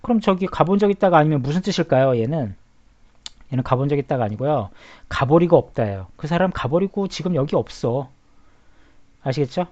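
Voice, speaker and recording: A man's voice: a little high, animated, brisk, a little mellow. A man teaching an English grammar lesson, explaining step by step, answering his own questions and often checking that the listener follows. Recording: dull lo-fi sound.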